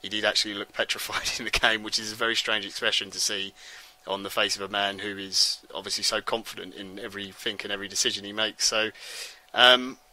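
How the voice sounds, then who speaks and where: A man's voice: on the low side, little pitch movement, fast, sharp tone, low-quality recording. A man hosting a football podcast, talking through a match in a casual, rambling way with lots of ums and restarts. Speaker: podcast host.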